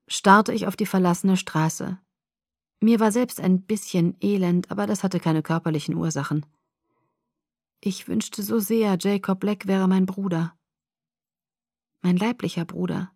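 A woman narrating a first-person story in a calm, measured audiobook reading. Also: lowish voice, no room sound, studio quality.

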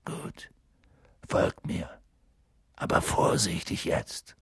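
A man voicing a huge, gruff half-giant gamekeeper in an audiobook, with a rough, grim and wary way of talking. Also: medium pitch, lively intonation, a little slow, no room sound, studio quality, full character voice. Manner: grim, wary, gets loud and impatient. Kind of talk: audiobook character voice.

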